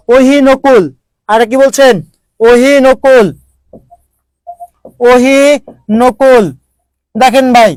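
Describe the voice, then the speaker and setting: A man's voice: very high-pitched, smooth, dry recording. A man teaching an online grammar lesson, repeating words and drilling the class with questions. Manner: repetitive, drilling questions to students.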